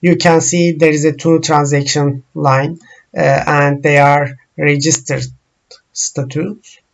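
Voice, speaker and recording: A man whose first language is Turkish, walking through software screens in a slow, halting tutorial full of pauses and fillers. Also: a little high, flat delivery, vocal fry, dull audio. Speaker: software trainer.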